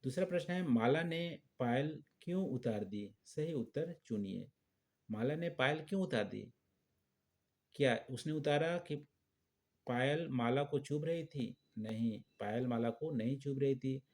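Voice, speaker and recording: A male teacher works through a children's textbook lesson, speaking slowly and deliberately. He repeats phrases and checks in with short questions. He speaks at a middle pitch. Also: animated, darkish tone. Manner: slow and repetitive, checking with frequent questions. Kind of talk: explaining a school textbook lesson.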